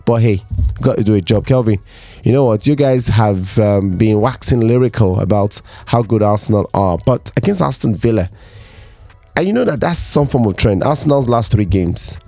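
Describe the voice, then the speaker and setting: A man co-hosting a casual sports podcast, animated and quick to mimic voices in his stories. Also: lowish voice, no echo. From Nigeria. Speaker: podcast co-host.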